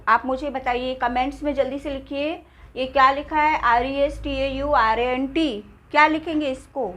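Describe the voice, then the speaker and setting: A woman with an Indian accent teaches spoken English, repeating each word slowly and checking in with her students. Her voice is high and a bit bright.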